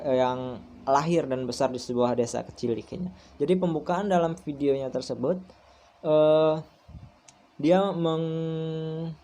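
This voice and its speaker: With a medium-pitched, somewhat mellow voice, a young man in his twenties presents to his university class in a recording. His delivery is halting, full of filler words and sentences he starts over.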